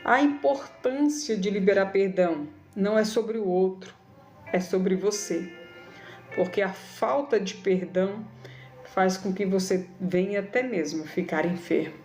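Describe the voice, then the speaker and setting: A woman's voice: medium pitch, a little slow, darkish tone. A woman in her thirties hosting a live stream, talking casually and affectionately to her viewers in a preachy way. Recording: echoey room with faint music.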